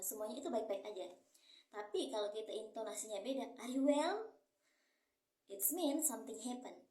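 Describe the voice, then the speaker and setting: A woman giving a casual language lesson, chatting as she mixes in English phrases and repeats them slowly. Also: mid-range voice, a little mellow, echoey room, recorded from a distance. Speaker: English teacher.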